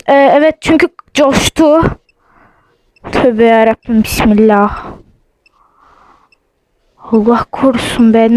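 A woman's voice: high-pitched, a little mellow, low-quality recording. A young woman vlogging at home with her phone while she plays a ghost-hunting app, jumpy and nervous, saying again and again that she is scared. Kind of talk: casual vlog, playing a ghost-hunting app. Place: at home, in a house.

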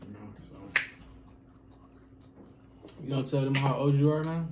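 A young man talks casually as he eats, hosting a family vlog. His phrasing is colloquial and lightly teasing, aimed at a child. There is clear noise behind his voice. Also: mid-range voice, animated, a little slow. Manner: eating while talking. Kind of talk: casual chat.

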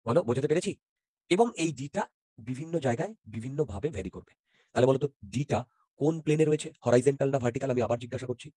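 A man's voice: mid-range voice, expressive, very fast, dark tone, breathy edge, dry recording, clean studio sound. A man teaching physics in an interactive online class, often checking whether students follow and mixing in English terms.

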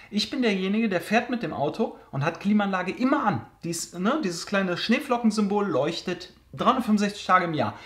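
In a basement storage room, a man hosting a car care channel answers viewer questions casually, using lots of fillers and joking asides. His voice is high with a fairly bright tone, and the sound is roomy.

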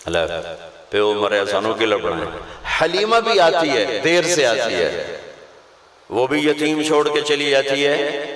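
A male preacher delivering a sermon, with swelling, drawn-out, half-chanted phrases. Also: fairly bright tone. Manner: impassioned, sweeping pitch, drawn-out chanted phrases. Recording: echoey hall from a distance.

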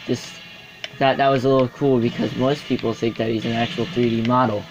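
A young man giving casual, sarcastic commentary over his gameplay, with sudden excited outbursts. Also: medium pitch, a little fast, a little hiss or hum. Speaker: gaming video host.

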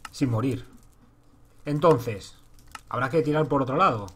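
A man's voice: mid-range voice, a little slow, a bit bright, slightly rough. A man from Spain streaming live gameplay, chatting casually with his viewers and swearing freely as he plays. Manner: talks to himself and chat, swears freely. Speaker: livestreaming gamer. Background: keyboard typing and clicks.

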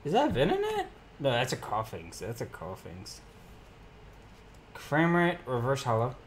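A man's voice: medium pitch, wildly swooping pitch, unhurried, slight background noise. A young man streaming live, reading card names aloud as he opens packs and chatting casually with his viewers.

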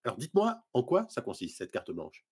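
A middle-aged man hosting a TV arts show, putting lively questions to his guests over a video call with many fillers. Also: mid-range voice, brisk, breathy edge. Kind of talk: broadcast interview questions.

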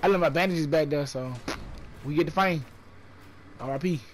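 A young man streaming a game, chatting casually with excitable, slangy talk and quick repeated callouts. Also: fairly high pitch, a little hiss or hum. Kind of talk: casual gaming chat.

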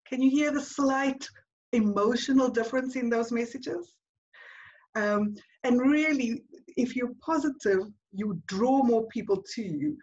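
A South African woman speaks to a networking group in an upbeat, encouraging way, often calling them "guys". Her voice sits at an ordinary pitch for a woman. The recording is somewhat dull and lo-fi. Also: darkish tone. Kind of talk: business presentation to a group.

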